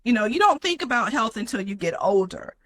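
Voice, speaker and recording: A young adult woman speaks as an interview guest, her voice bright and a touch higher than most. She tells her own story earnestly and leans on "you know" as she goes. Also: sing-song, a little fast, low-quality recording.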